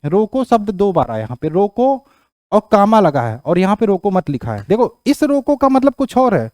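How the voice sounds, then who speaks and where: High-voiced male teacher explaining grammar. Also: sing-song, moderate pace, dry recording. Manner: repeats key phrases, asks the class "clear?"; rises in pitch and loudness when explaining examples. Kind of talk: exam-prep grammar lesson.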